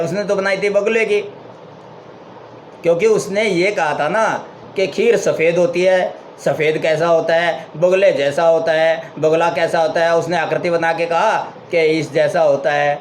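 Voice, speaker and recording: A man giving a spiritual talk, retelling a parable step by step and stopping to ask his listeners questions. His voice sits a little high for a man. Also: fairly even intonation, unhurried, a little hiss or hum. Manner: explains by retelling and rhetorical questions. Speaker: spiritual speaker.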